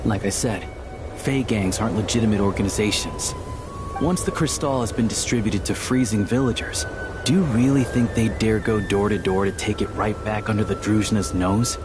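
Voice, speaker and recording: An actor playing a sly, unflappable outlaw hunter in a video game, with a wry, nonchalant, conversational delivery. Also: male voice, lowish voice, normal speed, natural voice. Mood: nonchalant, assured. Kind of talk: scripted video game voice acting. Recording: music behind the voice. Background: music.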